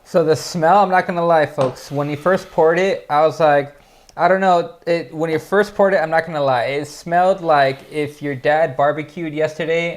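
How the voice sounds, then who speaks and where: A man co-hosting a casual whiskey review, joking around and calling the viewers folks. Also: on the high side.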